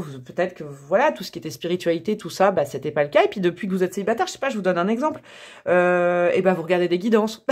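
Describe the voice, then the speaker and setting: A woman's voice: lowish voice, darkish tone. A woman giving a casual tarot reading to camera, chatty and thinking aloud with many fillers and small laughs. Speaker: tarot reader.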